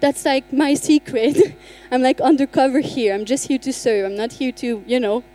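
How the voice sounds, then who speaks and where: High-voiced woman preaching a testimony. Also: moderate pace, low-quality recording. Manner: animated storytelling, acts out dialogue. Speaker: pastor. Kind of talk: sermon with personal testimony. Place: church.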